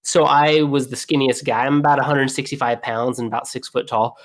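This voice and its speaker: A young man talks shop as a plumber on a podcast, loose and chatty, piling on "you know" as he tells his stories. His delivery is lively and animated, and he laughs easily. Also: mid-range voice, fairly quick. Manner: animated, laughing storyteller with fillers. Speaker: plumber guest. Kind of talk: casual storytelling.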